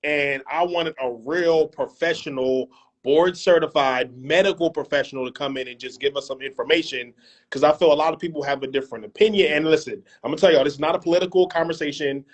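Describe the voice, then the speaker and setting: A man's voice: fairly high pitch, fast talker. A man hosting an interview over a video call, casual and joking, full of fillers and repeated phrases. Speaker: host.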